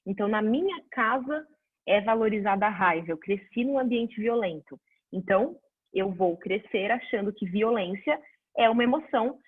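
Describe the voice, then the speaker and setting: A woman's voice: medium pitch, moderate pace, husky, dry recording. Woman teaching over a tinny line. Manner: conversational, answers viewer questions, lively examples. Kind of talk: casual online class. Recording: dry phone-like audio.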